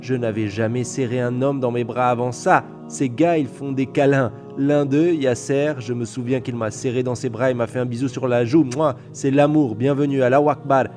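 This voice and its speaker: A man's voice: medium pitch, fairly even intonation, moderate pace, few pauses, mellow, soft background music. A man telling a personal story in an interview, acting out the people he quotes. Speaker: interview guest.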